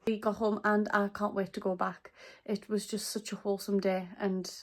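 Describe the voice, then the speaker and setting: Holding a camera by a lake, a woman vlogs in a casual, chatty way, rambling and tossing in laughing asides. Her mid-range voice stays fairly flat in pitch and moves at normal speed, and the dry recording picks up outdoor noise.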